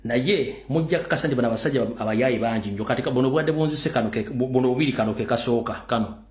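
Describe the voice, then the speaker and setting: A man's voice: medium pitch, rapid-fire, reverberant. A middle-aged Ugandan man hosting a casual live commentary on video clips, recorded on a phone in a small room. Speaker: host. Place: small plain room indoors.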